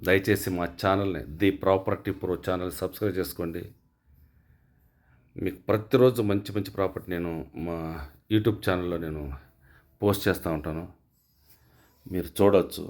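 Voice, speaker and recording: A man with a very low voice talks straight to the camera as a real estate agent. He repeats his pitch and asks viewers to call him. His delivery is direct and salesy. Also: steady tone, normal speed, pauses often, a little mellow. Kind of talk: property tour vlog.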